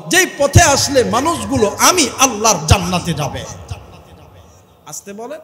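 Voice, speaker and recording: A man delivers a fiery waz sermon. He climbs into shouted peaks, breaks into sung recitation, and presses his listeners to respond. The recording is roomy, with a long echo trailing each phrase. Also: very high voice. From Bangladesh. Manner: call-and-response, urging the crowd to answer aloud. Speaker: Islamic preacher. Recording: echoey PA sound with long reverb.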